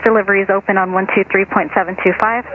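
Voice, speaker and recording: An airport weather information broadcast played over an aircraft radio. The voice reads out wind, visibility, sky, temperature and runway figures in an even recorded readout. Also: medium pitch, very fast, dry recording. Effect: automated airport weather broadcast over aircraft radio. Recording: muffled aircraft radio reception.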